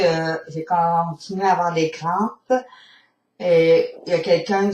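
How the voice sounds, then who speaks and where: A woman's voice: fairly low pitch, darkish tone. A woman with a Québécois accent giving a hesitant, filler-filled testimonial, recorded from a distance in a roomy space. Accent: Québécois French. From Quebec. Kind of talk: spoken testimonial.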